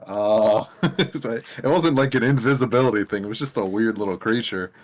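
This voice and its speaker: A man's voice: lowish voice, normal speed. A man chatting casually as a player in a tabletop game. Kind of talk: casual chat.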